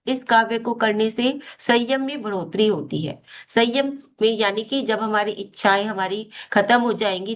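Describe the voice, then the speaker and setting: A woman of middle pitch teaches a spiritual course in a steady explanatory way. She keeps posing questions to her listeners and then answers them herself, guiding them through a devotional practice. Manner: slow, deliberate chanting of mantra syllables.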